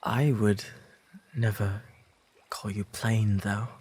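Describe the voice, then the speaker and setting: In a romantic audio roleplay, a man plays an earnest, shyly smitten English gentleman of the 19th century. His lowish voice is soft, breathy and slightly husky, with fairly even intonation, and he speaks slowly and formally, halting a little from nervous sincerity. The mood is earnest and consoling.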